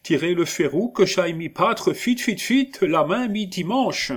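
A man voicing a big, simple-minded German servant who speaks in broken, halting phrases with a German accent. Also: high-pitched, expressive, slightly rough, voice pushed up, exaggerated voice.

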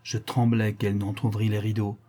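A man narrating a classic novel as an audiobook, in a measured storytelling manner. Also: fairly low pitch, monotone, warm tone.

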